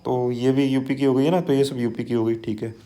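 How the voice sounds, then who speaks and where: A man with a mellow, relaxed voice gives an exam-prep lesson. He talks in a loose, chatty way, checking in with his listeners, and reads long lists of names slowly, one item at a time. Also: mid-range voice. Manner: conversational, frequent "है ना" and "ठीक है" tags. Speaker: teacher.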